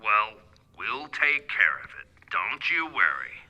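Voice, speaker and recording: An actor playing a stolid, placating police desk sergeant in a radio play, noncommittal and politely dismissive. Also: male voice, on the low side, very animated, slow pace, bright, forceful tone, lo-fi sound, full character voice. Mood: detached, placating.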